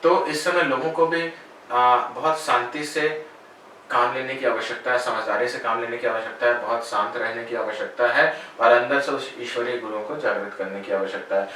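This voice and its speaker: A spiritual guide answers interview questions in a calm, measured way. The man's voice is bright and forceful. He sits well back from the mic in a very echoey room with faint noise behind. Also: mid-range voice, distant mic. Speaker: spiritual guide and meditation teacher.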